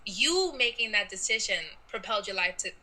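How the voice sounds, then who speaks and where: A young woman from New York, a podcast guest, chatting in an animated, slangy, encouraging way. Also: medium pitch, brisk, low-quality recording. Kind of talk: casual chat.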